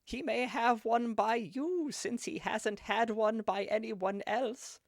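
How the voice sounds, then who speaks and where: Cast: a man doing a toothless old hag, high and slow, blunt prophet, storybook crone. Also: no echo, clean studio sound. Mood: prophetic.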